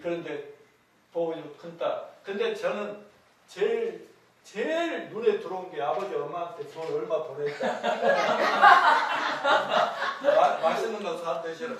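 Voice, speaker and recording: A man's voice: on the high side, very animated, unhurried, pushed and bright, a little hiss or hum. An older man, a pastor, preaching a sermon in a conversational way, telling personal stories to his congregation. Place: church sanctuary. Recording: very echoey church hall, mic at a distance.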